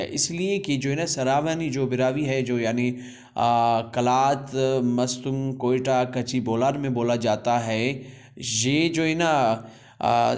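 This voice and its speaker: A man from Balochistan, Pakistan, giving a language lesson, talking slowly and deliberately, repeating words for learners and pausing with hesitation sounds. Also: mid-range voice, darkish tone. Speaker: language teacher.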